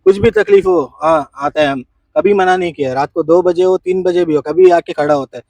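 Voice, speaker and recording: A male street vendor pours out an emphatic, aggrieved complaint to a reporter outdoors. His voice is gravelly, and he stands a little back from the mic. The sound is dry with no room echo. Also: high-pitched, big pitch swings, fairly quick, darkish tone, distant mic. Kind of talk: street interview.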